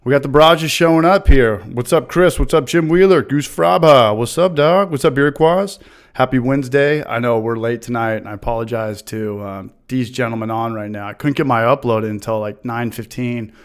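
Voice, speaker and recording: A man's voice: mid-range voice, moderate pace, smooth. Upbeat man hosting a stream. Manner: upbeat, greets chat viewers by name. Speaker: livestream host. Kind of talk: casual live chat.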